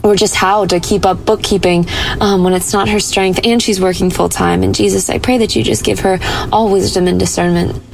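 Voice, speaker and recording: A woman praying aloud for a listener in an earnest, gentle way, pausing often with small fillers. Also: medium pitch, steady tone, vocal fry, slight background noise, poor audio. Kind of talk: spoken prayer.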